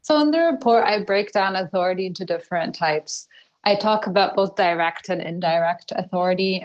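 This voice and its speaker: A woman, a research fellow, giving measured answers as a podcast guest, with occasional fillers and restarts. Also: low voice, darkish tone, muffled recording. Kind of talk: explanatory interview answers.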